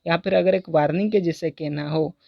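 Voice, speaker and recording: A man teaching a recorded lesson on English intonation in Hindi. He has an Indian English accent and reads the English example sentences slowly and deliberately. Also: fairly high pitch, fairly even intonation, gravelly, no room sound, dull audio.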